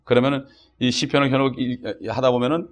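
Here a middle-aged pastor talks fast in a medium-pitched voice that barely moves in pitch. His sermon has a conversational feel, with frequent asides and acted-out prayers and quoted voices.

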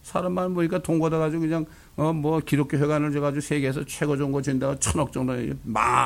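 Man, pastor, sermon, fiery, blunt, coarse, fairly high pitch. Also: a bit bright.

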